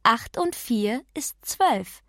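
A woman voicing a patient, strict schoolteacher who speaks slowly and clearly. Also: fairly high pitch, animated, dry recording, studio quality, full character voice. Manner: slow, measured and instructive.

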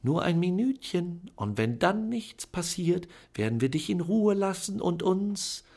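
A scheming old great-aunt from a storybook, coaxing a boy in a high, sugary sing-song. Her voice keeps a gravelly, husky grain underneath, since a man acts her out. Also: sing-song, a little slow, bright, forceful tone, exaggerated voice.

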